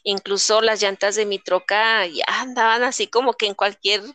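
Lady, bright clear voice, telling her own story all animated n casual. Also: medium pitch, normal speed. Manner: animated storytelling with colloquial slang and sound words. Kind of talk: casual personal testimony in conversation.

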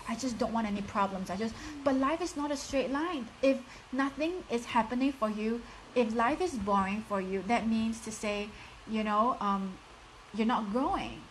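A slight hiss or hum runs through this low-quality recording of a woman in her thirties with a strong Singaporean accent. Her pitch is fairly high and her speed normal. As a life coach in a live motivational talk, she encourages her audience directly, her speech full of "like" and "you know."

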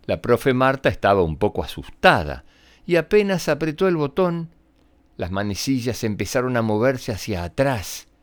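Male children's storyteller, unhurried and highly expressive, low register, slightly roomy sound with soft music. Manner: expressive, addressing young children. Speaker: children's storyteller and show host. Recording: roomy echo, music behind.

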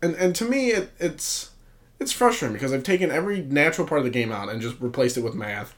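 A man's voice: a little high, animated, quick pace. Easygoing man on a sports podcast. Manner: easygoing, chatty, filler-heavy. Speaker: podcast co-host. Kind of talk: casual sports chat.

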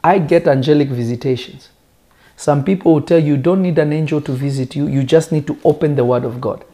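A man whose first language is Lingala delivers a sermon as if teaching in conversation, posing rhetorical questions with deliberate, emphatic phrasing. His voice is fairly high and mellow.

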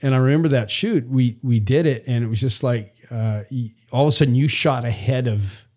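A man's voice: medium pitch, a little fast, a little mellow. Rambling retired photographer, a man. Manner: rambling, many restarts and fillers. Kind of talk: casual conversation.

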